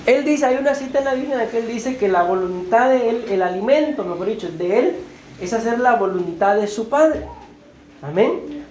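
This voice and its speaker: A woman's voice: on the high side, animated, moderate pace, mellow, slight background noise. A woman preaching a sermon, often asking her listeners "right?" and calling them beloved brethren. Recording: roomy church echo.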